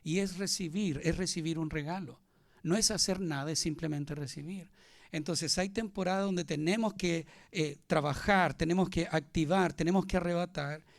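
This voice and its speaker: A male pastor delivers a sermon and puts questions to his congregation. His voice sits a little high and carries a heavy gravelly fry. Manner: preaching to a congregation, asking them questions.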